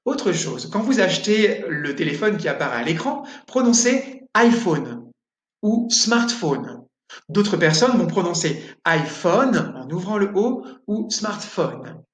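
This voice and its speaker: A man from France with a French accent, teaching a pronunciation lesson and articulating each example word clearly. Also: sits high, big pitch swings, normal speed, few pauses, reverberant.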